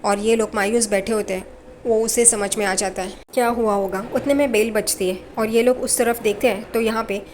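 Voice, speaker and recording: A woman's voice: a little high, fairly even intonation, a little fast, a little mellow, a little hiss or hum. A woman retelling a TV serial episode in a plain storytelling way, reading out the characters' lines herself. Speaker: TV serial recap narrator.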